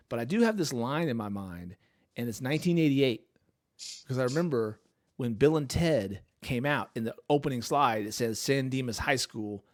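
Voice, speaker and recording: A man hosting a casual movie trivia game with his brother, talking playfully and quoting lines. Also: mid-range voice. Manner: playful, quotes lines in put-on voices. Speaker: host. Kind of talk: casual chat, quiz hosting.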